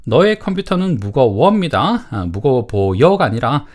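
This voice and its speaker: A man teaching elementary English, explaining in lively bursts and reading model sentences slowly for repetition. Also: mid-range voice.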